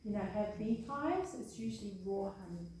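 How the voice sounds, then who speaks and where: A woman's voice: mid-range voice, animated, moderate pace, darkish tone, recorded from a distance, a little hiss or hum. Chatty woman demonstrating in an echoey room. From Australia. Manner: chatty, checks in with "okay?" and "eh?". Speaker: health presenter. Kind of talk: hands-on health demonstration. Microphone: far room microphone.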